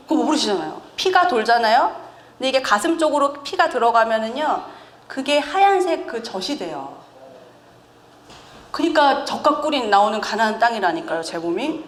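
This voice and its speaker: A woman in her thirties giving a chatty sermon, lively and often laughing as she teases the congregation. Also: fairly high pitch. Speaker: preacher. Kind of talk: conversational sermon. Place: church sanctuary. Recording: echoey church hall with faint ambience.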